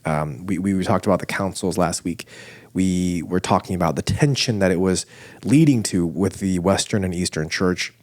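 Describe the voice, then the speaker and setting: In a low-pitched, slightly mellow voice that is also nasal, a man hosting a church podcast chats at normal speed. He pokes fun at himself, rambles and often restarts.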